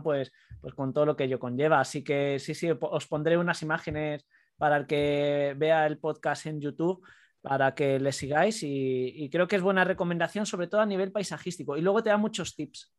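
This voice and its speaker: Chatty man, a bit high. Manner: relaxed, rambling, restarts often. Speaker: podcast co-host. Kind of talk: casual chat.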